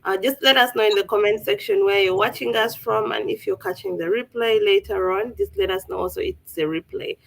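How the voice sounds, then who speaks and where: A woman's voice: mid-range voice, fairly even intonation, a little fast, vocal fry, hardly any pauses, poor audio. A woman from Uganda co-hosting a live online talk show, hesitant with frequent ums. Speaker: co-host.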